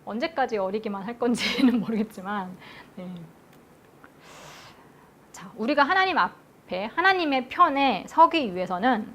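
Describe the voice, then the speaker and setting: A woman delivers an afternoon sermon at a measured pace with frequent pauses, her voice a little high. She asks the congregation questions and answers them herself with a steady "yes." A faint hiss or hum is audible.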